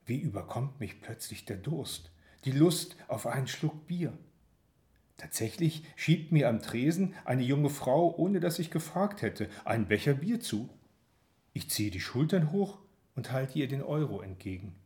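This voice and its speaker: A man reads a first-person story aloud, measured and expressive. His intonation rises and falls in a very lively way, while his pitch sits in the middle. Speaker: narrator. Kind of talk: audiobook narration.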